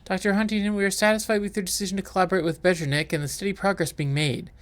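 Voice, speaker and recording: A voice reading a calm, menacing patron. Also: mid-range voice, racing, close to an everyday voice. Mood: cool, menacing. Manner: smooth, even, veiled threats. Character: calm, coolly menacing male patron, measured and threatening. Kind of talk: reading a figure's lines in a horror game.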